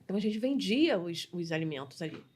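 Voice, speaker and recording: A middle-aged woman from Brazil, a customer experience mentor, telling her story as a podcast guest in an animated way, often restarting phrases and adding tag questions. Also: lowish voice, fast, husky. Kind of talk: conversational interview storytelling.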